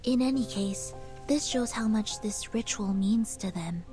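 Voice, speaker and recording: An actress voicing a calm, analytical young female companion in a game, speaking in a measured, logical way. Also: mid-range voice, loud music behind the voice, natural voice. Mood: composed. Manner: measured, logical, matter-of-fact. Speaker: game character. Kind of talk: game voice acting.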